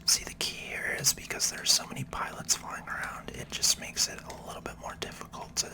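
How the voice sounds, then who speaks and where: This is whispered, laid-back ASMR narration from a gamer who hosts a channel, spoken slowly as the video game is played.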